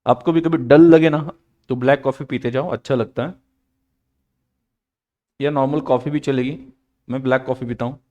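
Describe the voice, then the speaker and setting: A man's voice: medium pitch, steady tone, normal speed, pauses often, mellow, lo-fi sound. A man teaching accounts in a live online lecture, playful and joking, with English phrases mixed in.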